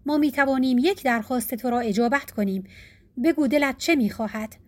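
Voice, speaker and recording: A woman's voice: sits high, natural voice. A woman voicing a mighty male god in a storybook, speaking in grand, benevolent words.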